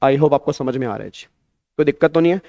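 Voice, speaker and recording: A man's voice: a little high, quick pace, vocal fry, mellow, no echo. A man with an Indian accent giving an online exam-prep tax lecture, coaxing students and repeating his questions, mixing Hindi with English terms. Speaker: tax teacher.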